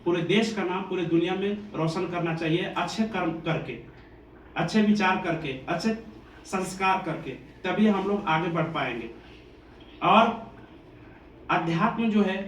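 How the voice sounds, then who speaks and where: A man from Bihar who runs a coaching institute, giving an earnest, devotional motivational address to students. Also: sits high. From Bihar, India. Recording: echoey room, distant mic, faint ambient noise.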